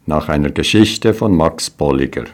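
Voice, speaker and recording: A man reading a storybook aloud in a calm, measured way. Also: very deep voice.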